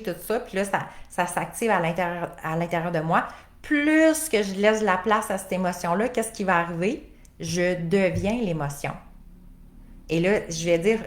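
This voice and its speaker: A woman life coach with a Québécois accent, giving a conversational live talk full of fillers and rhetorical questions. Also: mid-range voice. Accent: Québécois French. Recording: roomy echo.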